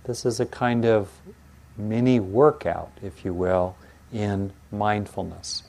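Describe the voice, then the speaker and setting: A man with a fairly low voice leads a guided meditation. He speaks in a soothing, gentle way, like a yoga teacher, leaving unhurried pauses between short phrases of instruction. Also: steady tone, gravelly, slight background noise.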